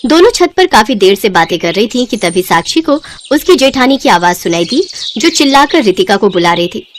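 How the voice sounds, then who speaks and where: A woman's voice: fairly high pitch, big pitch swings, fairly quick, noisy background. A woman narrating a cartoon moral story in a scripted storytelling delivery.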